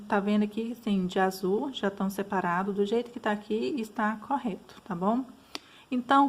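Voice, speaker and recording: A woman teacher with a Brazilian Portuguese accent, patiently explaining school exercises, often checking in with her students. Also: mid-range voice. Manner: patient, frequent fillers and checks like "tá bom?".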